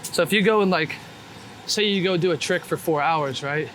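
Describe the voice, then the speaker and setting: A man with a fairly high, slightly bright voice talks at a moderate pace, chatting openly and casually in sweary slang as he walks a city street. He's a guest, known as a street photographer and former BMX vlogger. The noisy, traffic-filled street comes through clearly in the background.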